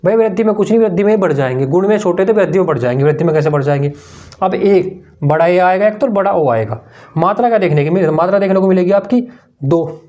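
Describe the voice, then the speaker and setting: A man's voice: sits high, animated, fast talker, mellow, highs cut off. A male teacher explaining Hindi grammar for an exam-prep class, repeating each point and calling the students "brother". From India.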